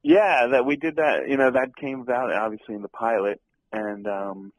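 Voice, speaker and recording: A man's voice: mid-range voice, steady tone, moderate pace, dry recording, low-quality recording. A young adult man, an actor being interviewed, chatting casually with many ums and restarts and laughing easily.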